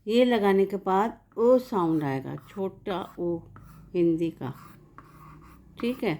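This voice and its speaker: A woman's voice: medium pitch, lively intonation, slow, mellow, slight background noise. A woman teaching as a language teacher, going patiently through words one at a time and giving the meaning of each. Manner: patient, explains word by word with meanings. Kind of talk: slow spoken lesson.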